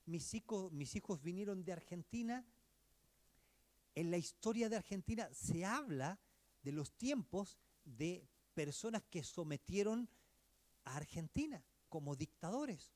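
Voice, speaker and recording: A man preaching a sermon as pastor, earnest and exhorting, moving between emphatic lines and hushed asides. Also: high-pitched.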